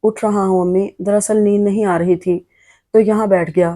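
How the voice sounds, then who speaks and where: A woman reading aloud as a young husband weighed down by guilt, who talks in a low, mellow, warm tone. He pleads and then turns stern, all in the same soft audiobook reading voice. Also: steady tone, normal speed, lightly acted. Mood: weary.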